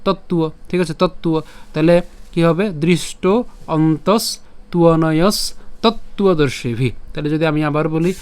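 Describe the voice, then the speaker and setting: A man teaching the pronunciation of scripture verses, breaking words into syllables, repeating them slowly and sometimes chanting them in a melody. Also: fairly high pitch, flat delivery. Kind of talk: pronunciation lesson.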